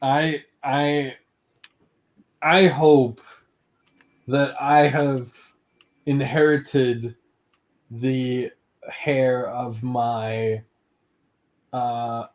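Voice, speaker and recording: Slow, stammering young man. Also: medium pitch, flat delivery. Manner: hesitant, stammering, laughs often. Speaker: co-host. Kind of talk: casual livestream chat.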